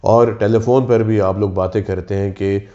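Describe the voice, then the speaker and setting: Low, calm male doctor host; measured explainer; lo-fi audio. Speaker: doctor hosting a health talk. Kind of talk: explanatory health talk. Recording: dull lo-fi sound.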